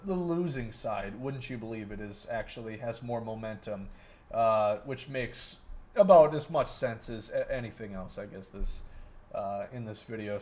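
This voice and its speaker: A tired young man giving casual video game commentary as a gaming YouTuber, rattling on quickly like an auctioneer. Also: medium pitch, darkish tone. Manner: rapid rambling delivery, like an auctioneer.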